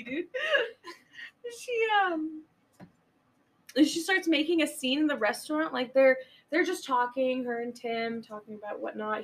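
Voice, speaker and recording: A woman in casual chat, excitedly retelling a film plot with lots of laughter and casual swearing. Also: a little high. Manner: giggly, animated storytelling, swears casually. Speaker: podcast guest.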